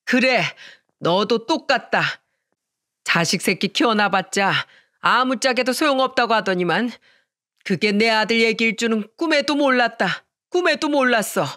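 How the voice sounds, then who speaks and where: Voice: mid-range voice, moderate pace, pushed and bright, lightly acted. A narrator voicing an angry older mother-in-law who wails, scolds and curses in a raised voice. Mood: bitter. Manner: wailing, scolding and cursing.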